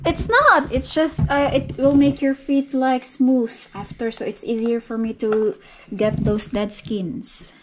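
Speaking Filipino as her first language, this young woman from the Philippines giggles and jokes through a relaxed vlog filmed indoors in her small living room and bathroom. Her pitch sits high and her delivery runs a little slow. Noisy sound comes from a camera held at arm's length.

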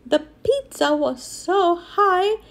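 A woman reading a picture book aloud as if to a toddler, sing-song and expressive, stressing key words. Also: very high-pitched, takes it slowly. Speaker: storybook reader.

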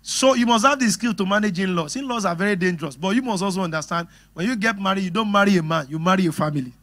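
A middle-aged pastor with a Nigerian English accent giving a sermon on marriage, animated and often laughing as he talks straight to the congregation. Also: high voice, fast talker.

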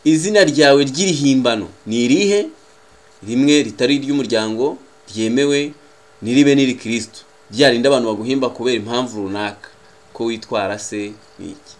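In this language lesson, a man with a Rwandan accent repeats phrases, enunciating carefully and deliberately. He's a native Kinyarwanda speaker who teaches English, and his pitch is medium.

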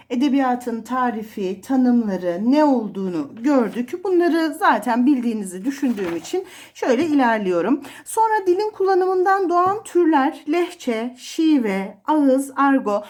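Lively high-voiced woman teacher. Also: moderate pace, few pauses. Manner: explanatory, lists terms with many fillers. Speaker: literature teacher. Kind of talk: exam review lesson.

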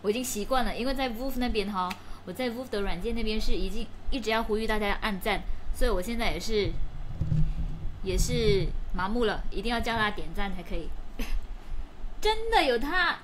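A woman's voice: medium pitch, a little fast, slight background noise. A woman hosting a casual livestream, greeting viewers one by one by name, chatty and upbeat. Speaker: livestream host.

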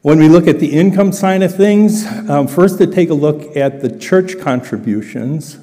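Older man with a halting delivery in a reverberant church. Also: fairly high pitch, mellow. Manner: halting, with frequent fillers and restarts. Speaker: church finance presenter. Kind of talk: informal financial report at a congregation meeting. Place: large church sanctuary, indoors. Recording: long church hall reverb.

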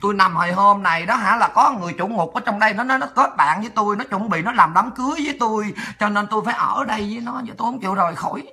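A woman delivers a profane ranting monologue. She talks very fast and brashly, and her voice is piercing and hard-edged. Laughter and shouts keep breaking through. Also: mid-range voice. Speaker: political livestreamer.

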